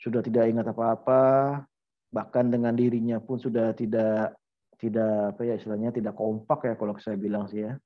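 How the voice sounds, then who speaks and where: A man's voice: fairly low pitch, little pitch movement, normal speed. Conversational middle-aged man lecturing. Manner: conversational, uses anecdotes and rhetorical questions. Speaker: medical lecturer. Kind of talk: informal university lecture. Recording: slightly dull lo-fi audio.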